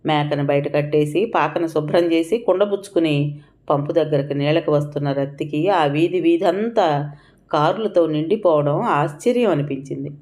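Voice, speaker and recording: Low-voiced woman reading a story aloud. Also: moderate pace, darkish tone. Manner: emotive reading, voicing characters' cries and pleas. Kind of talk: audiobook story narration.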